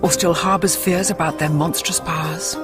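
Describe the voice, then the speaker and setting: A woman's voice: fairly low pitch, fairly even intonation, moderate pace. A woman presenter giving a dramatic, scripted nature documentary narration. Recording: music behind the voice.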